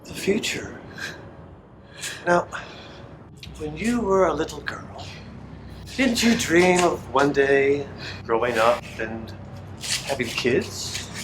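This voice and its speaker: In an echoey, noisy room, a sinister male captor in a film drama. He is formal and eerily calm, speaking slowly and persuasively in a slightly high voice. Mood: falsely gentle. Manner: formal, deliberate, persuasive, pausing mid-sentence. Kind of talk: film acting.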